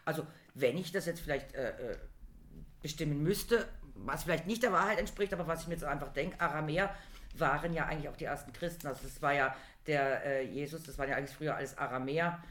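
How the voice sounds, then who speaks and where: Bright-voiced woman in lively chat. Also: low-pitched, fast talker, slight background noise. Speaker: podcast co-host. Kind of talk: casual chat.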